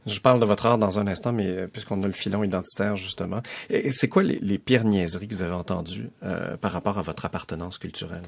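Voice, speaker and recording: A man with a Québécois accent hosting a radio interview, asking halting questions full of fillers. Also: sits low, gravelly, husky, no room sound. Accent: Québécois French. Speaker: radio host. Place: radio studio.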